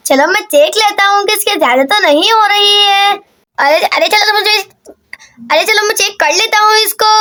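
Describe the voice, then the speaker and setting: A woman voicing a male village doctor who talks in a brisk, fussy, reassuring way in her own very high voice. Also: sharp tone. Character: caring village doctor, a man.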